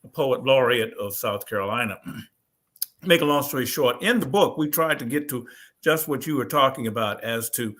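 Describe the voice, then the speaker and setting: A man's voice: medium pitch, normal speed, a bit bright. A man, an author, speaking thoughtfully in a panel discussion, often restarting his sentences. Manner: thoughtful, with many restarts and fillers.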